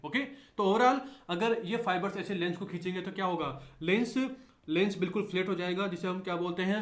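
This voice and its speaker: A man's voice: high voice, fairly bright tone. A man giving a medical lecture, repeating key points and asking himself rhetorical questions, mixing English terms into his speech. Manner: mixes English terms into Hindi. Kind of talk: explanatory lecture. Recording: echoey room.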